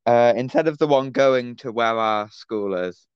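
A man's voice: medium pitch, measured pace, smooth, no room sound, highs cut off. A teenage man, co-hosting a casual podcast and telling a rambling anecdote with lots of fillers over an online call. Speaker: podcast co-host. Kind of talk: casual chat, storytelling.

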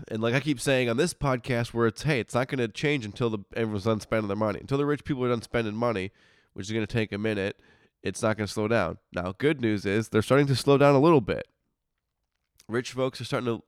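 A solo podcast host with a low, congested voice chats casually, his nose blocked from his sinuses. Even so, the sound is smooth and clean, captured dry and close with no room sound. He grumbles informally in asides and tends to cut himself off mid-sentence.

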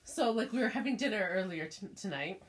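A woman's voice: mid-range voice, lively intonation, fairly quick, a little hiss or hum. Young woman, easygoing conversational vlog voice, casual and blunt. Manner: laid-back, swears casually. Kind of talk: casual chat.

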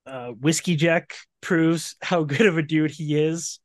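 A man's voice: on the high side, steady tone, measured pace, no room sound, studio quality. A man co-hosting a casual book discussion podcast, recapping scenes and reading quotes aloud. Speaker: podcast co-host.

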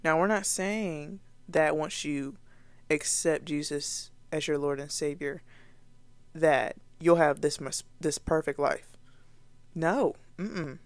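Slow-talking woman teaching the Bible. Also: low voice, dry recording, faint music behind. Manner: earnest, conversational, with fillers and restarts. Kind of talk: casual Bible teaching to camera.

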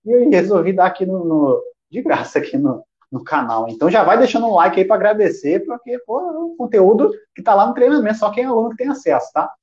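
A man's voice: high voice, very animated, fast talker, hardly any pauses, a little mellow, highs cut off. A man teaching worship music on a live stream. He talks straight to his viewers and asks himself questions, then answers them. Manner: talks directly to chat viewers.

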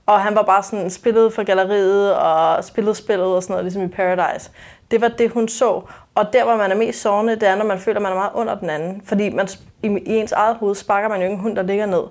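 A woman co-hosting a podcast, chatting casually in an animated way, swearing freely. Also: mid-range voice. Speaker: podcast co-host. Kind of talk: casual chat.

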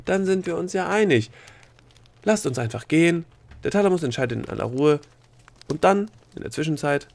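Croaky, high, hysterical gnome, voiced by a male audiobook reader. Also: lively intonation, normal speed. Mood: relieved. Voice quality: croaky, voice cracking when shouting. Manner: panicky, insulting outbursts. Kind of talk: audiobook character voice.

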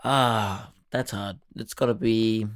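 A man's voice: fairly low pitch, fairly even intonation, takes it slowly, clear, resonant tone. A young man co-hosting a podcast, chatting casually about sport in a slangy, matey, jokey way. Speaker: podcast co-host.

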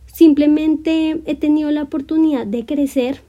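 A woman in her twenties hosting a solo podcast, speaking gently and encouragingly straight to her listener in a reflective monologue. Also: high-pitched, steady tone, normal speed, muffled recording. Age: 20s. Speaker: podcast host.

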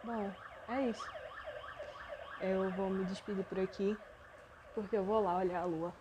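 A woman's voice: medium pitch, fairly even intonation, unhurried, noisy background. A young Brazilian woman hosting a personal podcast, talking in a rambling, self-deprecating and emotional way. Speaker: podcast host.

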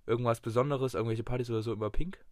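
A man's voice: medium pitch, steady tone, rapid-fire, no echo, clean studio sound. A man co-hosting a casual podcast, explaining things in an earnest, matter-of-fact way. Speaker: podcast co-host. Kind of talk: casual chat.

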